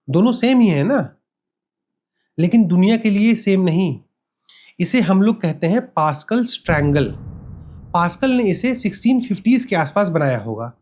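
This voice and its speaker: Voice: medium pitch, a little mellow. A history channel narrator reading a scripted educational explainer step by step, asking the listener rhetorical questions and switching often between Hindi and English phrases. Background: faint background music.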